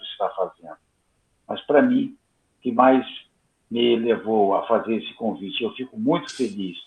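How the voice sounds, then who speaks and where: A man hosting a conversational interview, speaking in a measured, deliberate way with pauses. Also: fairly low pitch. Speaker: host. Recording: tinny phone-like line.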